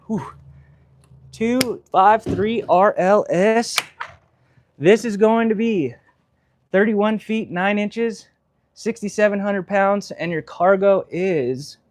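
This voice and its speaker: A man selling RVs who walks through travel trailers on a live stream, chatty and explanatory with lots of fillers, sweating in the heat. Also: high-pitched. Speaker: RV salesman giving a walkthrough. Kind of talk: casual live walkthrough. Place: inside and around trailers on a dealership lot.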